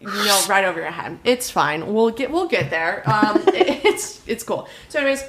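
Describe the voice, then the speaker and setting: A woman's voice: mid-range voice, animated, normal speed, background noise. A woman co-hosting a casual sports podcast, rambling and self-mocking as she talks through her team's preseason. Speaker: podcast co-host. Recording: echoey room.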